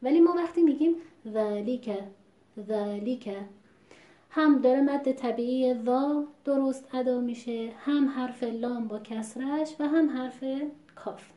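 Mellow woman teaching Quran recitation. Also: high voice, lo-fi sound. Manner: measured, patient, demonstrates pronunciations aloud. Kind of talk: explanatory lesson. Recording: echoey room.

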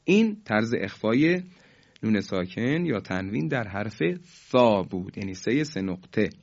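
A man teaching Quran recitation rules in a formal, polite way, explaining each rule and then chanting the examples slowly and drawn out for students to repeat. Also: fairly low pitch, very animated, darkish tone. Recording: dull lo-fi recording.

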